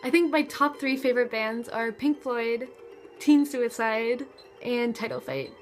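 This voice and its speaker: A woman's voice: fairly high pitch, expressive, measured pace, faint music behind. A teenage girl chatting casually and bubbly through a favorites vlog, using plenty of slang. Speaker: vlogger.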